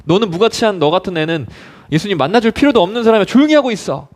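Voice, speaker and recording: A pastor voicing a contemptuous crowd that shouts down a beggar with scornful orders to be quiet. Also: male voice, sits high, lively intonation, rapid-fire. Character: harsh scolding crowd of men, contemptuous.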